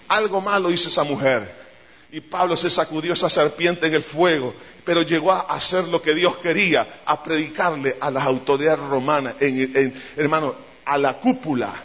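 Fervent male pastor preaching, bright high voice, long hall reverb. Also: dull audio. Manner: fervent preaching, repeatedly addressing listeners as brother. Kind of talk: sermon.

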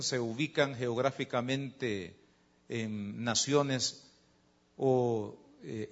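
A man delivers a sermon in a measured, emphatic voice at a middle pitch. He teaches and reads scripture aloud, pausing on hesitant fillers now and then. The recording sounds a little dull and lo-fi. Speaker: preacher.

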